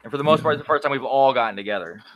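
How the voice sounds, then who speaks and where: A man's voice: mid-range voice, racing, a bit bright. A man hosting a casual group video chat, chatty and stumbling over restarts.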